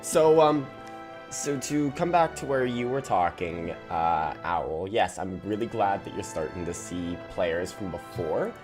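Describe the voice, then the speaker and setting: Low-voiced, easygoing man running the game. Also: unhurried, over music. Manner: relaxed, chuckling, with fillers. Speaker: game master. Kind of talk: casual chat.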